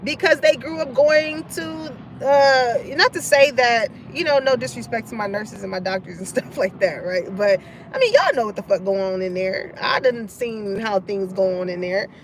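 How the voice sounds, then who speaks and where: High pitched lady doing a tarot reading, swears a lot, chatty and blunt. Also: expressive, normal speed, slight background noise. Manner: frank, profane and chatty, laughing often between points. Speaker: tarot card reader. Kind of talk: casual spoken tarot reading to a collective audience.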